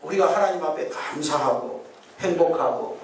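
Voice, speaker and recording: A man preaching a sermon as pastor, animated, leading the congregation in call-and-response. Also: fairly high pitch, normal speed, a little hiss or hum. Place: church sanctuary. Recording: echoey church hall, mic at a distance.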